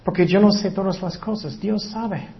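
Man preaching casually, fairly high voice. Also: normal speed, gravelly, muffled recording. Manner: conversational preaching with fillers, quotes scripture, acts out prayers. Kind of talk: informal sermon.

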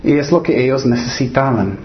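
A man's voice: mid-range voice, expressive, a little fast. Man preaching a sermon, muffled sound. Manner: restarts often, asks the listeners rhetorical questions; acts out the voices of the people in his stories. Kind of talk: sermon with Bible reading.

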